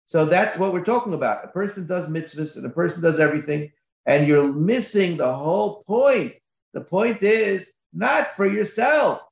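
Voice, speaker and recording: A man's voice: a little high, creaky. A man, a rabbi, giving a Torah class with emphatic repetitions, recorded lo-fi in an echoey room.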